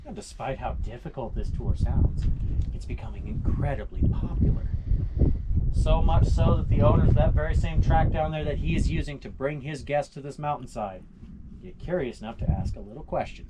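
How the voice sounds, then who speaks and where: A man giving a storytelling guided tour to a group outdoors, theatrical and folksy, with rhetorical questions and dramatic pauses. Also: a little high. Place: outdoors on a mountainside. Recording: noisy live outdoor recording with clicks.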